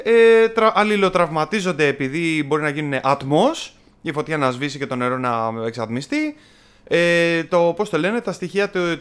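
A man's voice: fairly high pitch, a bit bright, clean tone. A man in casual chat, telling a film's story in a rambling, jokey way with many fillers.

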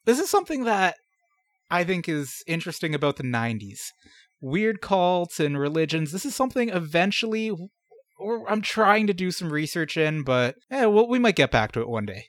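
A man with a slightly higher voice co-hosts a casual podcast. He reads out old news items and cracks puns and swear-laced asides. The sound is dry and close. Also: big pitch swings, moderate pace, dry recording. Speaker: podcast co-host.

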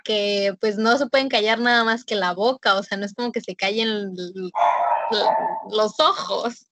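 A woman hosting a casual educational podcast in a relaxed, conversational way. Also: medium pitch, normal speed, very noisy. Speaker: podcast host.

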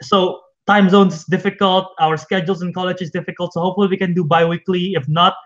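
A chatty young man hosts a casual podcast with a high, light voice. The sound is dull and lo-fi, like a call recording. He laughs easily between points. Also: level tone, quick pace. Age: young adult. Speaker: podcast host. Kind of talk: casual chat.

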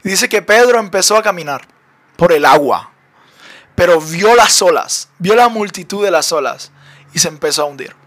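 A young man with a Colombian accent, animated and often laughing as he tells his own story for his podcast. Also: sits high, normal speed. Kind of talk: personal testimony storytelling.

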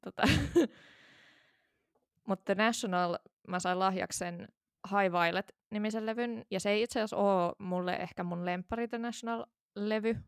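A woman's voice: medium pitch, clear, resonant tone, dry recording, studio quality. A woman in her thirties, a podcast co-host, chatting casually and rambling with many fillers and restarts. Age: 30s. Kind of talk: casual chat.

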